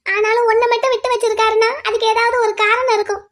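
Woman doing a captive cartoon wife, super high squeaky voice, calm and stubborn. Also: quick pace. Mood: pleading. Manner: calm, pleading then lecturing at length. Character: young wife held captive, defiant and steady. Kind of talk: cartoon drama voice acting.

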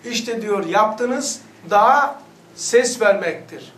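High-pitched male religious teacher, preaching with rhetorical questions, far from the mic. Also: expressive, takes it slowly, fairly bright tone, roomy sound. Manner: exhorting, rhetorical questions to listeners. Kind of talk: religious lesson.

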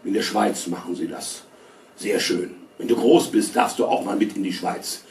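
A man doing a pompous, low-voiced father. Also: normal speed, gravelly, darkish tone, a little hiss or hum. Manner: pompous, condescending. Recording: roomy stage sound from far.

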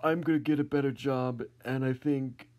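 A man voicing a self-important, threatening police chief in a comedic amateur fan dub, speaking in a pompous, halting way. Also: medium pitch, steady tone, narrow, tinny audio, close to an everyday voice. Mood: smug. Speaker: fan dubber.

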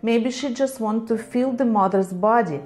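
A woman's voice: a little high, moderate pace, darkish tone, faint music behind. A woman psychologist and life coach explaining to viewers in a patient, earnest way, in slightly non-native English.

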